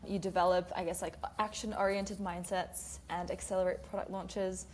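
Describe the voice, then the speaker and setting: A woman hosting a podcast interview, chatting casually and excitedly, dropping "like" often. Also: fairly low pitch, normal speed, a little hiss or hum. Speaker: podcast host.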